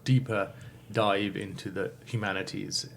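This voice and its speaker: A man's voice: lowish voice, little pitch movement, a little slow, vocal fry, a little hiss or hum. Thoughtful man in his fifties. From England. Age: 50s. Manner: thoughtful, many fillers, self-correcting. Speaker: guest. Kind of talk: reflective interview answers.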